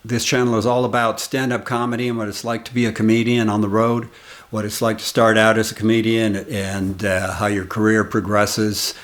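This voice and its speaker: The voice sits on the low side with a level tone: a comedian in his sixties from the United States, hosting his channel and leisurely recalling his early days. His storytelling meanders, full of unhurried, reminiscing anecdotes.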